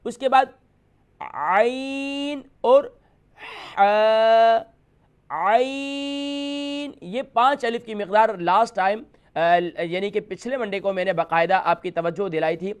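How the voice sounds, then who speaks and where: High-voiced man teaching letter sounds. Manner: patient, repetitive explaining, demonstrates sounds. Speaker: host teaching letter pronunciation. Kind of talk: televised call-in lesson.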